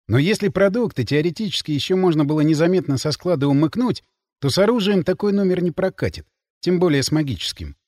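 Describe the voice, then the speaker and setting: A man narrating first-person fiction in an expressive, dramatic reading. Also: on the high side, dry recording, studio quality. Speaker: audiobook narrator.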